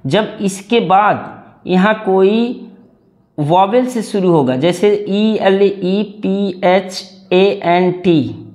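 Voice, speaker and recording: Indian male teacher, high voice, very slow drilled reading, has class repeat each word. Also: darkish tone. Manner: reads word by word, asks students to repeat. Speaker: English teacher. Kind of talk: slow read-along English lesson in Hindi.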